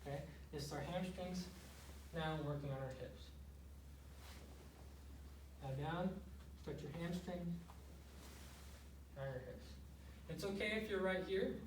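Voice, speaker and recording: High-voiced male instructor in an echoey room. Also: unhurried, long pauses. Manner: plain-spoken, explanatory, frequently checking with "okay". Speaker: martial arts instructor. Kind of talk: casual step-by-step instructional demonstration. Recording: roomy, noisy, distant microphone.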